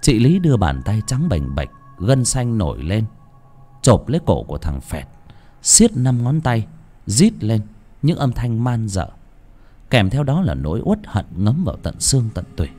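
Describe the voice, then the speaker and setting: A man narrating a horror story in an expressive, dramatic way. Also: fairly low pitch, measured pace, soft background music. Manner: expressive, swooping intonation. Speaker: audiobook narrator.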